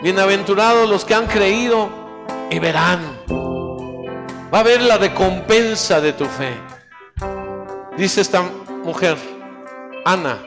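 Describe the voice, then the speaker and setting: A man preaching a sermon as pastor, exhorting fervently and dropping now and then into quiet asides. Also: high-pitched, slow, long pauses. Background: instrumental music.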